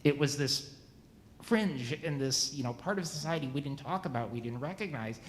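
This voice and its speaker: A man's voice: a little high, lively intonation. Brief: man in his forties, community questioner, stumbling, self-correcting delivery, roomy hall echo, faint hiss. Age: 40s. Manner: halting, stumbles and restarts often. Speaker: church member asking questions. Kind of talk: question at a church meeting. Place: church meeting room.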